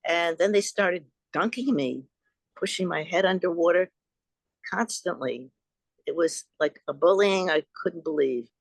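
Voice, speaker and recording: A woman's voice: fairly low pitch, unhurried, creaky, dry recording. Older new lady telling stories, kinda rambling, earnest, dry sound. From Long Island, New York. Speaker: guest, author. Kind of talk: storytelling in an interview.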